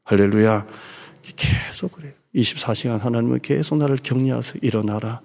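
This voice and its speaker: A man's voice: mid-range voice, fairly quick, vocal fry. A middle-aged male pastor preaching a sermon, telling stories and acting out voices with rising intensity. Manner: animated storytelling, acting out God's voice. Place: church sanctuary. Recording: long church reverb.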